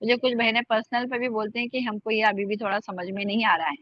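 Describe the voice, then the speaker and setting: A woman teaching an online language class, slowly repeating words and sounds for her students. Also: on the high side, fairly even intonation, no room sound. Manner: slow careful drilling of sounds, repeating words. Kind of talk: spoken language lesson. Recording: dull lo-fi sound.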